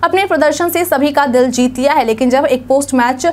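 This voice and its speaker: A young woman reads the evening headlines from a studio news desk. Her voice sits high, and her delivery stays formal and even, in the measured manner of a newsreader. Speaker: news anchor. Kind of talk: read news bulletin. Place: studio news set, indoors.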